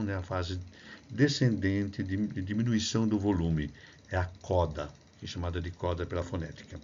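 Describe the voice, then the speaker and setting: A man's voice: low voice, a little mellow, lo-fi sound, slight background noise. A man from Brazil giving a recorded lecture on phonetics and music. He explains the material step by step, sounds out sample syllables aloud, and often checks in with a tagged "né?". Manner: explanatory, demonstrates syllables aloud, frequent "né?" tag. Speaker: music researcher and clarinet teacher.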